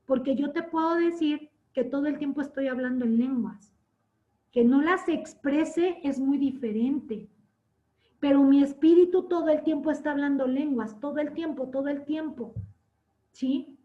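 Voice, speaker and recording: Brief: woman church teacher with a high voice, recorded on muffled lo-fi audio. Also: moderate pace. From Latin America. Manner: asks "¿sí?" to check understanding; tells stories with lively acted quotes. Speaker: Bible class teacher. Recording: dull lo-fi sound.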